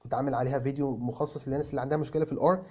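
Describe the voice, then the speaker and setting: A man from Egypt with an Egyptian Arabic accent, teaching English by answering viewer questions in an animated way, repeating words for emphasis and mixing English terms into his Arabic. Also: medium pitch, very fast, husky, lo-fi sound.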